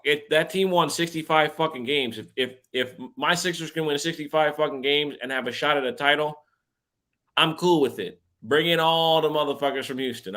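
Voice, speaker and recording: A man co-hosting a casual sports show, ranting in an animated way and swearing a lot. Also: a little high. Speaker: podcast co-host.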